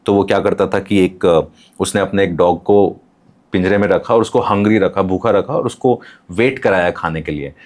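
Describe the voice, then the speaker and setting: As a guest on a podcast, a man with a lowish voice patiently walks through explanations, offering examples and English terms. His manner stays calm and instructive at a moderate pace.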